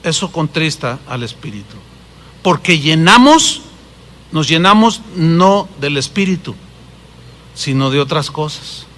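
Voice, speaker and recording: A man preaching a sermon as a pastor, with a Mexican Spanish accent, animated and swinging between loud and hushed delivery. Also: a little high, a little slow, long reverb tail, slight background noise.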